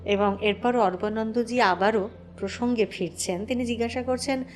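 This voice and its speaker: A woman's voice: on the high side, soft background music. Woman retelling a devotional story. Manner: retells a story slowly and affirms with soft hums. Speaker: host. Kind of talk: spiritual storytelling talk.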